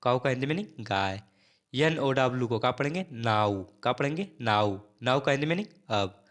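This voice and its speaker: A man with a medium-pitched voice teaches English spelling and pronunciation, spelling each word letter by letter and repeating it as a drill.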